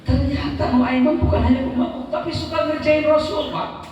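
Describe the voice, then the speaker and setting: A man's voice: very high voice, moderate pace, dull audio, soft background music. A man with a Sundanese accent preaching a sermon at a religious gathering, telling stories with emphatic repetition. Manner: animated storytelling with emphatic repetition. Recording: echoey hall from far off.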